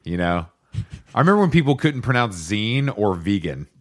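Low-voiced, blunt man with lively intonation. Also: moderate pace. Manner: blunt, opinionated and profane. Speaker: podcast co-host. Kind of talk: casual chat.

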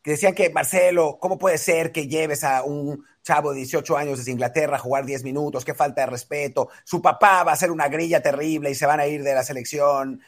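Husky Mexican man talking football. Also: fairly high pitch, fairly even intonation, a little fast, few pauses. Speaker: sports panelist. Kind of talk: casual sports chat.

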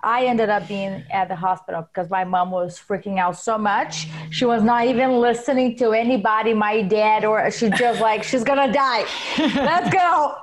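A woman's voice: medium pitch, steady tone, normal speed, hardly any pauses, poor audio. Woman, podcast co-host, casual laughing banter. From Brazil.

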